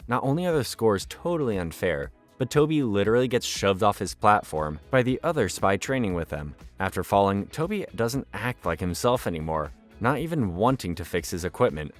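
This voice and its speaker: A man's voice: on the low side, very animated, fairly quick, few pauses. A man delivering scripted narration as a recap storyteller, with the occasional wry aside. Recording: music bed behind voice.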